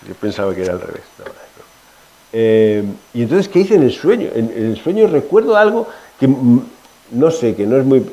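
A man's voice: medium pitch, very animated, moderate pace, warm tone, rough recording. A middle-aged man giving an informal sermon, telling personal stories and asking his listeners questions, with frequent restarts. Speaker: preacher.

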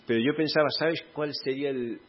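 A man's voice: mid-range voice, fairly quick, highs cut off, slight background noise. A man giving an informal, conversational sermon, acting out quoted dialogue along the way. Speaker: preacher.

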